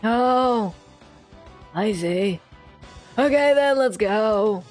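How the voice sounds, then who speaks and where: A woman puts on the voice of a very old man, a gentle teacher from a visual novel. He is timid and easily disheartened. His delivery is hesitant and mournful. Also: fairly high pitch, animated, extremely slow, soft background music. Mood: shy. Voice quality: very old man's voice. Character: sleepy, timid male teacher with old man voice, frail, gloomy. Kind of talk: visual novel character reading.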